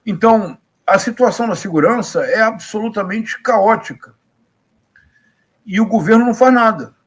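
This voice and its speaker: High-pitched Rio man, emphatic political commentator. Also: moderate pace, slightly rough. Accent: Rio de Janeiro Brazilian Portuguese. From Rio de Janeiro, Brazil. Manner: emphatic, didactic, rhetorical questions and repetition.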